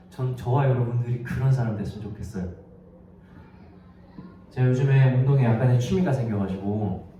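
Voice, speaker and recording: Mellow-voiced man preaching in an echoey hall. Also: medium pitch, slight background noise. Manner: animated, asks the congregation many questions. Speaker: pastor. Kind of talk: sermon. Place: large echoey worship room. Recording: very echoey, distant, dull sound.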